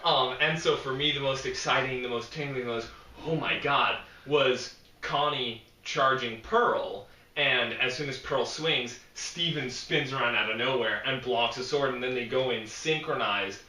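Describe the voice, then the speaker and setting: A man co-hosting a casual fan discussion, upbeat, laying out his points with steady pauses. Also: medium pitch, reverberant, recorded from a distance. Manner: upbeat, measured, explains with lists and pauses. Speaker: podcast co-host.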